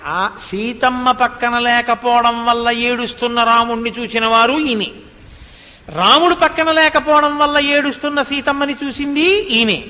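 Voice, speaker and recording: A man's voice: very high-pitched, bright, forceful tone. A man giving a devotional discourse, telling the story expressively, asking rhetorical questions and reciting Sanskrit verses. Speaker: religious discourse speaker. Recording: long hall reverb.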